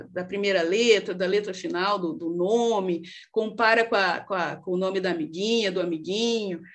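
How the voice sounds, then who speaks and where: A middle-aged woman with a Brazilian accent giving an informal lecture on literacy, with many fillers and rhetorical questions. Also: mid-range voice. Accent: Brazilian Portuguese. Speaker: lecturer on literacy and child development.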